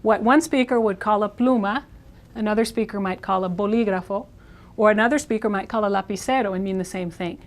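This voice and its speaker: A woman teaching a Spanish lesson, modeling words slowly and repeating each one. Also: medium pitch. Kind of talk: video language lesson.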